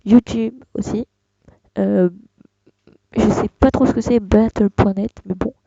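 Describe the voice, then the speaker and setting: Young tutorial host, gravelly and mellow, hesitant delivery, dull dry desktop mic sound. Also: mid-range voice, fairly even intonation, unhurried, no room sound. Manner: hesitant, many fillers and restarts. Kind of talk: casual screen-recorded tutorial.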